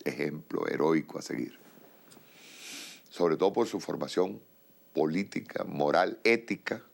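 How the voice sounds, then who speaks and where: A middle-aged male TV host with a very low, gravelly voice. He delivers a rambling, emphatic political monologue, full of restarts and repetitions. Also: animated, measured pace. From Venezuela. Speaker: TV show host.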